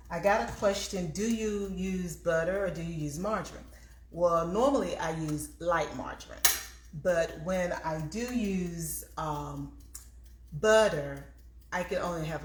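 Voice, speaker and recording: Low-voiced woman chatting in an echoey kitchen. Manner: chatty, rambling, thinking aloud. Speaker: home cooking livestream host. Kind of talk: casual cooking livestream chat to viewers. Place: indoors in a home kitchen. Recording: roomy echo, faint background noise.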